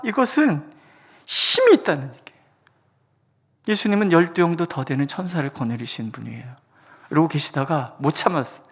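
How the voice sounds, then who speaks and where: Pastor preaching at dawn prayer, mid-pitched voice, jumps between loud emphasis and near-whispers, acts out quoted voices. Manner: swings between loud emphatic lines and soft whispered asides.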